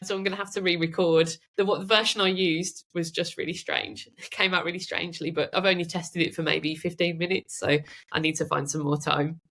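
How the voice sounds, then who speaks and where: Lively, chatty woman with a lowish voice. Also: fairly quick. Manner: lively and chatty, laughs often. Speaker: podcast guest, AI expert. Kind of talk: casual interview chat.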